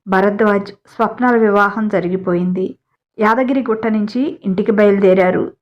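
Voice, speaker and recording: A woman narrates a family story in a steady storytelling voice, turning now and then to chat with listeners. Her pitch sits mid-range for a woman. The home recording is lo-fi and dull. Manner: even, steady reading with chatty personal asides.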